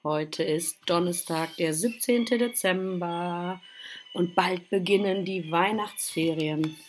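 A woman reading a children's Christmas story aloud in a lively, expressive way. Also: lowish voice, slow pace.

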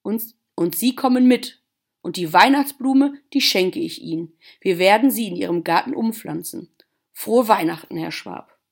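A woman voicing a cheeky, lively young girl who loves her garden, talking eagerly and excitedly. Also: mid-range voice, normal speed, gravelly. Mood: warm.

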